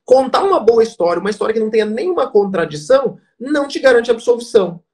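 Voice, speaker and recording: A man with a noticeably high voice shares legal experience on a podcast. He speaks earnestly and reflectively, pausing to find his words. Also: sing-song, a little mellow. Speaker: criminal defense lawyer, podcast co-host. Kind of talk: casual podcast discussion.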